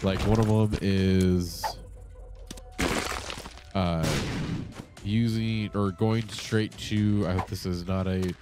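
A man's voice: sits low, steady tone, takes it slowly, pauses often, background noise. A man with a congested voice giving casual, rambling gameplay commentary at home, swearing often and full of fillers. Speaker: gaming channel host. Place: home setup with monitor.

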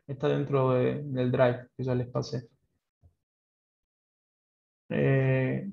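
Gravelly-voiced Salta-accented man teaching code. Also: medium pitch, a little mellow. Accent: Argentine, from Salta. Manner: explains patiently, often checks in with a questioning "¿sí?". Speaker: programming teacher. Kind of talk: online coding class. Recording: dull roomy online class audio.

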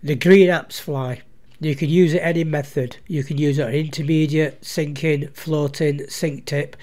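Recorded on a head-mounted action camera beside a stillwater lake, this fly fishing vlogger has a slightly high, somewhat mellow voice with fairly even intonation and normal speed. He recaps his fishing in a chatty, matter-of-fact way.

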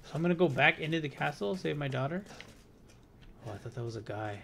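A man's voice: a little high, expressive, fast, vocal fry. A young man giving casual, reactive, profane live commentary as he streams a game. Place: small indoor room. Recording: game noise behind voice.

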